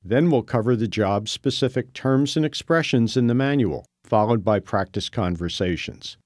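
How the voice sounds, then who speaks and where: An American man reading scripted instructions for a language course in a clear, measured, encouraging way. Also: medium pitch, a little mellow, no echo, clean studio sound.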